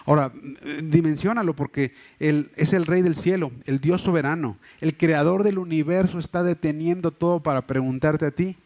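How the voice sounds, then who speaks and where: Earnest Mexico City pastor preaching. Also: male voice, on the high side, moderate pace, a little mellow. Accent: Mexico City Spanish. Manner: explanatory, earnest, many fillers and restarts. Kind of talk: sermon. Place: church hall. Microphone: livestream microphone.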